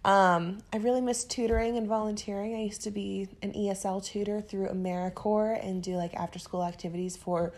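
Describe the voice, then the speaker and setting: A woman's voice: mid-range voice, steady tone, brisk, hardly any pauses, a little mellow. A woman in her twenties co-hosting a podcast, chatting casually and candidly, self-deprecating and often laughing. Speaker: podcast co-host. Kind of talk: casual chat.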